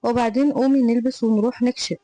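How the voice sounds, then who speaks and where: A woman's voice: fairly high pitch, steady tone, fast, warm tone, natural voice, rough recording. A woman reading the part of a protective older brother in an Egyptian Arabic accent, concerned and insistent.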